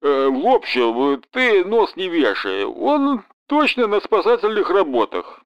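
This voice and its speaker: A man's voice: high voice, huge pitch swings, unhurried, no room sound, lo-fi sound, pitched above the performer's own voice, heavily acted. A man voicing an easygoing gum-chewing businessman with a southern Russian accent and a hesitant, casual way of talking.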